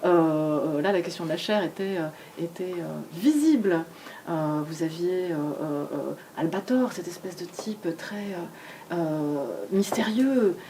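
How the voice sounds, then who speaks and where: Woman, 40s, author guest at a bookshop talk, halting, mellow low voice, mic set far off. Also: lively intonation. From grew up in Argentina and France. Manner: hesitant, many fillers and restarts. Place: bookshop event. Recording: distant mic, faint room noise.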